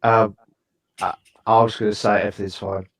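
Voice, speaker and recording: A man's voice: lowish voice, little pitch movement, a little fast. Hesitant British man, casual podcast chat. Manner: hesitant, many fillers and restarts. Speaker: podcast co-host.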